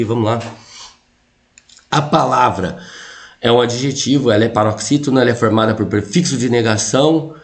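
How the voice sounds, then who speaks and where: A Brazilian-accented man talks through exam questions in a loose, chatty lesson. His voice rises and falls a lot as he thinks aloud, and it sits at a middle pitch. He keeps adding little asides to check that his listeners follow. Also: a little mellow. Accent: Brazilian Portuguese. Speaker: Portuguese teacher for civil service exams. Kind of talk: casual exam-prep lesson.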